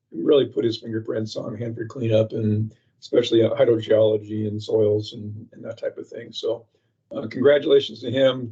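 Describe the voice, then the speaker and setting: A man presenting a slide update at a public meeting over a patchy remote microphone that sounds muffled, as if heard through a wall, speaking in halting bursts with many fillers. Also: mid-range voice, dark tone, breathy edge. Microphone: remote call microphone with a patchy connection. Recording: muffled, dull remote call audio.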